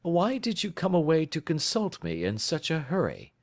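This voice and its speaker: A brisk, analytical gentleman detective from an audiobook, put on by a male reader. He lectures in a crisp, precise way with a lifted, animated pitch. The sound is dry and close. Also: no room sound, full character voice. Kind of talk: audiobook character reading.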